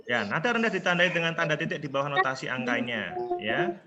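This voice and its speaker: A man's voice: a little high, very animated, quick pace, muffled recording, loud music behind the voice. A male primary school teacher teaching an online class over a laptop video call, patiently coaxing answers and singing the scale notes. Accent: Indonesian.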